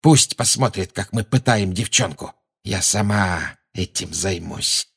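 A man's voice: unhurried, vocal fry, fairly bright tone, husky, exaggerated voice. A man voicing a fanatical, cruel witch who hisses and shrieks in fury. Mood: menacing. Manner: shrill, hissing, shrieks in fury.

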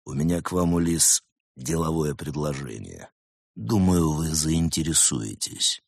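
Man doing a low smug snow leopard schemer. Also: lively intonation, a little slow, vocal fry, no room sound, studio quality, exaggerated voice. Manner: smug, mocking, quietly menacing. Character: sly scheming male snow leopard, cult leader.

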